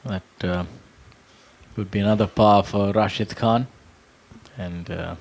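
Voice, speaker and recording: Low-voiced male golf commentator. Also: fairly even intonation, a little slow, gravelly. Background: whirring drone blades, outdoor ambience.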